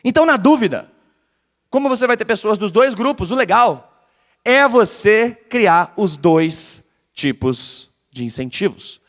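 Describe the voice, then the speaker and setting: A man's voice: high-pitched, unhurried. A man from Porto Alegre with a southern Brazilian accent, giving a live business talk to an audience and keeping them engaged by quizzing them. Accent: southern Brazilian (gaúcho). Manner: energetic, keeps quizzing the audience. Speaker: conference speaker. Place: large hall with a live audience. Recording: reverberant hall sound.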